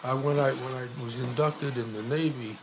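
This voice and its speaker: A man's voice: medium pitch, fairly even intonation. An older man chatting casually on a live stream, cracking jokes and tossing in teasing remarks. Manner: joking, quick teasing interjections. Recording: dull lo-fi live stream audio with faint noise.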